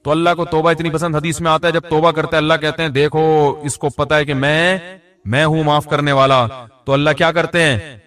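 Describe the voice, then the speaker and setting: Lively man telling wry anecdotes in a talk. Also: on the high side. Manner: humorous, storytelling, scolding asides. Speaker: Islamic scholar giving a talk. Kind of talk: conversational religious talk with anecdotes.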